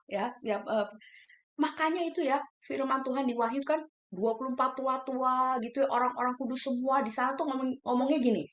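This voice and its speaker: Woman preacher, high and lively, sermon in a reverberant church room. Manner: animated, acts out voices of the faithful in awe. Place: church hall.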